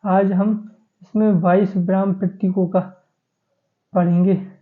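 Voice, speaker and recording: Male grammar teacher, flat and slow, lists points by number, tinny phone-like recording. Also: sits high. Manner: steady, listing points by number. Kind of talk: exam-prep grammar lesson.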